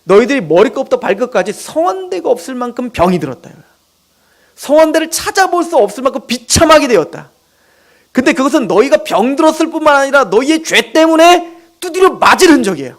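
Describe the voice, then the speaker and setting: A male pastor giving an animated, emphatic sermon with personal asides. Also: very high-pitched, fast talker.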